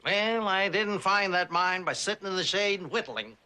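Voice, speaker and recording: A man's voice: high-pitched, expressive, normal speed, bright, forceful tone, heavily acted. A man playing a wary, sardonic old prospector in a TV western, with a folksy, wry manner. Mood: wry, suspicious. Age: older. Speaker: actor in a TV western. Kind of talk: TV western drama acting.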